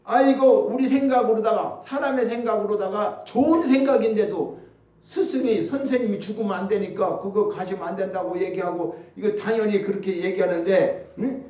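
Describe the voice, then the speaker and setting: A man's voice: sits high, moderate pace, warm tone, echoey room, far from the mic. A man preaching a sermon as pastor, talking conversationally and asking his listeners rhetorical questions. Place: church sanctuary.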